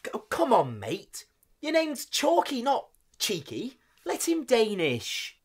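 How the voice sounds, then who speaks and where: A man's voice: extremely high pitch, huge pitch swings, slow pace, husky, heavily acted. An actor playing a cheeky young man who teases his friend with jokey wordplay, voiced from off the mic. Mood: teasing. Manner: teasing, jokey.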